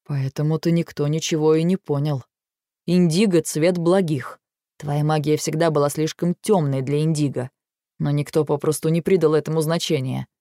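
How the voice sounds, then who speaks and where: A woman voicing an intense male warrior lover in an audiobook, speaking in a low, even manner. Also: moderate pace, dry recording, clean studio sound.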